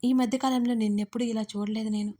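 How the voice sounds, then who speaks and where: A woman narrator voicing a gentle, affectionate young woman in a storybook, speaking softly and coaxingly. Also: on the high side, fairly even intonation, quick pace, lightly acted. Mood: tender.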